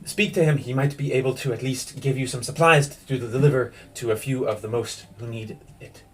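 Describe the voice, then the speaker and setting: A man voicing an earnest, worried young village woman in a tabletop game, speaking in a halting way at a mid pitch. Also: fairly even intonation, distant mic, natural voice.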